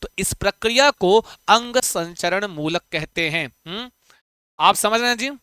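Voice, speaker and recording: A man teaching Sanskrit in an exam-prep lesson, coaxing his students with questions and chanting verse slowly. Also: high-pitched, expressive, bright, forceful tone, clear, resonant tone, no echo.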